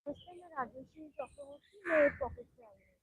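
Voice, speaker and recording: A woman, a participant in a yoga class, introducing herself in a soft voice. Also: sits high, expressive, fairly quick, dry recording. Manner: soft-spoken, has to be asked to speak up. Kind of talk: brief self-introduction.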